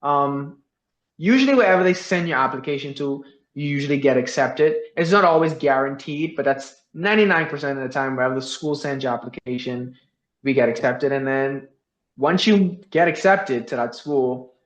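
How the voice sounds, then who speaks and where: A man's voice: mid-range voice, normal speed. A young man from the Bahamas, a veterinary student, talking earnestly as a guest in a casual interview. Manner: earnest, uses many fillers like "like". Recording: roomy, dull lo-fi sound.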